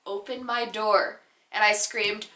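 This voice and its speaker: A teenage girl vlogger telling a casual story-time tale in an animated, giggly, rambling way. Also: medium pitch, takes it slowly, echoey room.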